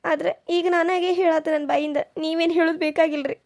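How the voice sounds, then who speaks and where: An aggrieved young village daughter-in-law from a cartoon serial. She talks back defiantly in a North Karnataka accent. Her voice is high, quick and dry. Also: level tone, a little mellow, dry recording. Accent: North Karnataka Kannada.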